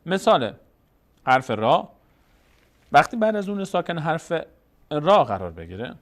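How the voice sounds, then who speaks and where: A man teaching Quran recitation rules step by step, slowly drawing out each example word. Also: mid-range voice. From Tajikistan.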